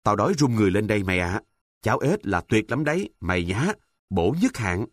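A man voicing a brash, bossy village boy who scolds loudly and boasts. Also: lowish voice, big pitch swings, a little fast, dry recording, clean studio sound. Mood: boastful cheerful.

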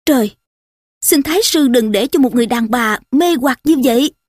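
A scheming court adviser begs his master in an imploring, deferential tone, as a woman reads him. The voice is fairly high and sounds close and dry. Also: expressive, moderate pace, a little mellow, no echo.

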